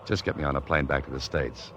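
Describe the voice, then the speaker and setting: A wry writer in an old radio show. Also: male voice, extremely low pitch, fairly bright tone, slight background noise. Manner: quick wisecracking delivery, stammers when pressed. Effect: old radio show broadcast sound. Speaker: lead and narrator of a radio drama. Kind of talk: 1940s radio drama acting. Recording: dull lo-fi old radio recording with faint music.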